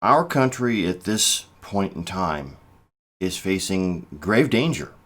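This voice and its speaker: A man in his fifties talking through political commentary to the camera, measured and halting, with restarts and emphatic stresses. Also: sits low, sing-song, a bit bright. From United States. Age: 50s. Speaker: political vlogger. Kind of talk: casual spoken commentary.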